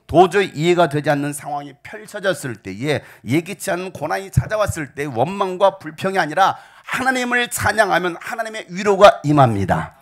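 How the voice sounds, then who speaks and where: A man preaching a Sunday sermon as pastor, moving from hushed asides to loud shouts. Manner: dynamic preaching, swinging between hushed whispers and loud shouts; gravelly voice with lively pitch. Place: church sanctuary.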